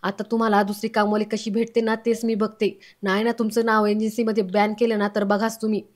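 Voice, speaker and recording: A woman's voice: mid-range voice, flat delivery, brisk, lightly acted. A woman reading a cheeky, defiant housemaid.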